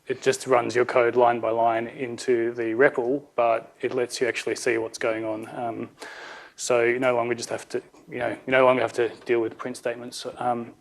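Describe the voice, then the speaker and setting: Guy giving a casual tech talk, bit of vocal fry, not much pitch movement. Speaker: conference speaker. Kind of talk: informal technical lightning talk. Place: conference room at a podium. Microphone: podium microphone.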